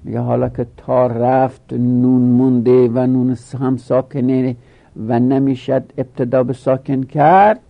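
Gravelly man explaining grammar step by step. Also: medium pitch, flat delivery, narrow, tinny audio. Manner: repetitive step-by-step explaining with questions. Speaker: teacher. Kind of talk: Arabic grammar lesson.

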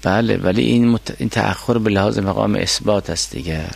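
Gravelly deep-voiced male teacher lecturing. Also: faint music behind. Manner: reads classical quotations slowly, then explains them. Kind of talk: lecture on a mystical philosophy text.

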